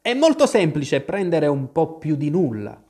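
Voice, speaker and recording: A man's voice: a little high, big pitch swings, dark tone, breathy edge, pitched above the performer's own voice, exaggerated voice. A man doing a pert, eccentric hatter. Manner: pert, quick retorts. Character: eccentric, bossy male hatter.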